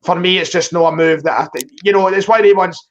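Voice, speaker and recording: A football fan with a broad Glaswegian accent joins a live stream as a guest and rambles casually about the game, often repeating words as he gets going. His voice sits high and steady, moving fast, and the audio is dull.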